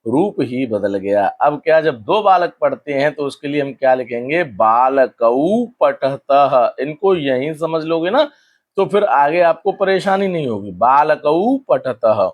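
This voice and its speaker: A male teacher explaining a school lesson, asking questions and answering them himself, drawing out key words slowly. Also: fairly high pitch, expressive, darkish tone.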